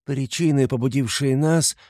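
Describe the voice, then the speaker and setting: A man reading an audiobook, voicing a desperate consumptive woman in shrill, wailing hysterics. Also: unhurried, creaky, a little mellow, no echo, clean studio sound. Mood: haughty.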